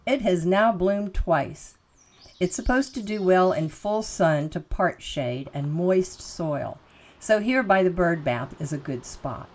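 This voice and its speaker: A woman's voice: on the low side, darkish tone, no room sound. A woman narrating a garden tour as host, in a plain-spoken, instructional way.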